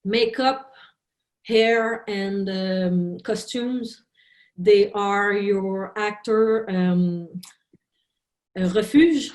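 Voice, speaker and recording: A woman film director, a native French speaker, speaking English in an interview, halting and searching for words. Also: medium pitch, a little mellow. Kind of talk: interview talk in a second language. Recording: roomy echo.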